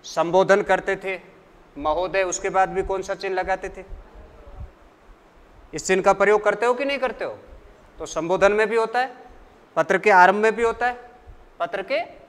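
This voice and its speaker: A man teaching a lesson, asking the class questions and answering them himself in a slow, deliberate way. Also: sits high, clear, resonant tone, long reverb tail. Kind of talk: classroom lecture.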